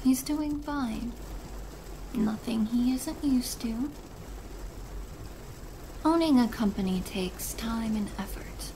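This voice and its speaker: A woman playing a possessive, doting and controlling stepmother in an ASMR role-play drama, chiding in a deliberate, motherly way. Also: a little high. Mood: doting, concerned. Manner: slow, deliberate, softly chiding, maternal. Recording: noisy rain ambience behind voice. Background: rain.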